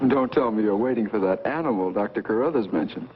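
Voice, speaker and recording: An actor playing a dismissive, self-assured young brother in 1940s B-movie style. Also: male voice, on the low side, quick pace, close to an everyday voice. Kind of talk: 1940s B-movie film acting. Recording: muffled, noisy vintage film soundtrack.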